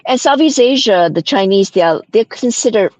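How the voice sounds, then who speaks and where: A woman's voice: mid-range voice, animated, moderate pace, a little mellow, no echo. A middle-aged woman from Malaysia, a company founder chatting as a guest in an interview, often restarting and tagging her sentences with "right?". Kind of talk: casual interview chat.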